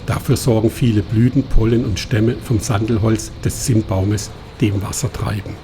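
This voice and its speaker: A man narrating a travel documentary in a calm, measured scripted voice-over. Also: on the low side, noisy background.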